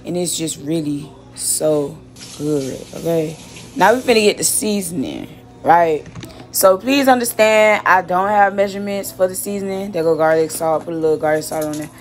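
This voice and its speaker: Speaking at normal speed with a fairly low voice, a young woman from Miami vlogs about cooking as she prepares fish in her home kitchen. Her talk is chatty and full of slang, with repeated words, and there's slight background noise.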